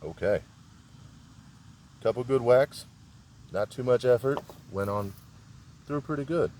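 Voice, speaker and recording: A man demonstrating survival skills outdoors in a relaxed, rambling, folksy way. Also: medium pitch, measured pace, a little hiss or hum. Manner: laid-back, rambling, folksy. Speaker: survival vlogger. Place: outdoors in a rural area.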